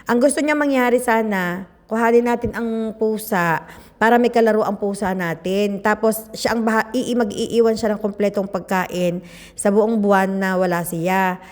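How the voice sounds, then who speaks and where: A middle-aged Filipino woman, a little hoarse from a cold, chatting and gossiping to viewers while eating on her food vlog. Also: mid-range voice, normal speed, a little mellow, big-room sound. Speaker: food vlogger. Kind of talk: casual eating vlog chat.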